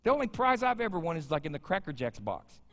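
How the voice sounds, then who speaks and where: A man in his fifties delivering a sermon, chatting and joking with his congregation. His voice sits a little high and swoops animatedly up and down. The sound carries a long reverb from a large church sanctuary. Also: very animated, fast, a bit bright. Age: 50s. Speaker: pastor.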